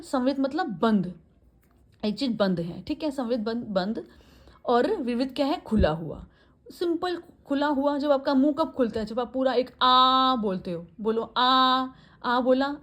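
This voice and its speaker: Hindi teacher drilling vowel sounds. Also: female voice, a little high, a little mellow. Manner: asks and answers her own questions; drills sounds by repeating them slowly. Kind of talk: classroom grammar lesson.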